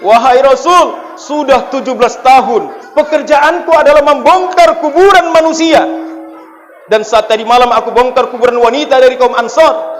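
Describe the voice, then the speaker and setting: Remorseful young man confessing, pleading, told by a preacher in a sermon, high voice, big hall reverb. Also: moderate pace.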